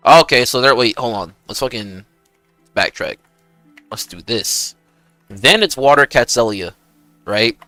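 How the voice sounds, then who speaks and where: Young male streamer, hyped gamer bro, bright forceful voice with big pitch swings, casual and sweary. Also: animated, unhurried, pauses often, no echo, faint music behind. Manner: hyped gamer-bro slang, swearing, peppering talk with "bro" and "dude". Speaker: game streamer. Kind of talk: casual livestream chat and gaming commentary.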